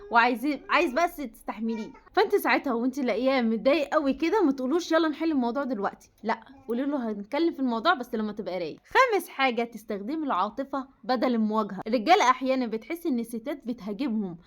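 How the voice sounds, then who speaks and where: A woman with an Egyptian Arabic accent talks straight to camera in a quick, friendly stream of advice. Her voice sits a little high, and she speaks to the listener directly and warmly, like a friend offering tips. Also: expressive. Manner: chatty, addresses the viewer directly as a friend. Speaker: relationship advice vlogger.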